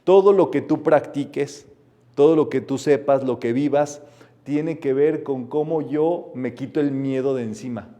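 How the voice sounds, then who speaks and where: Man, metaphysical Bible lecture, mellow tone, earnest explaining. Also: medium pitch, measured pace. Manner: leads the group in affirmations. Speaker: spiritual teacher.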